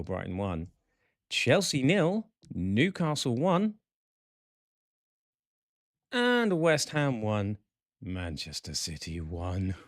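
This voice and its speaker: A man hosting a chat show, excitable and talkative. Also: lowish voice, dry recording, studio quality. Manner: excitable, chatty, animated. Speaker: podcast host.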